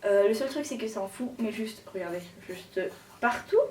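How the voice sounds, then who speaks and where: A woman's voice: on the high side, moderate pace, darkish tone, roomy sound, far from the mic, slight background noise. A young woman chatting casually to camera about her haul, gushing and slangy, with lots of fillers. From Switzerland. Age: young adult. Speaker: beauty vlogger.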